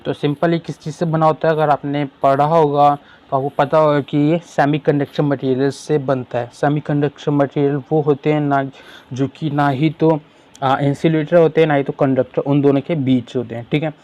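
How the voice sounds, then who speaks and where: Male exam tutor, higher voice, asks and answers his own questions, reads English lines slowly. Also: flat delivery, darkish tone, highs cut off. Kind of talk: explaining exam questions in Hindi with English terms.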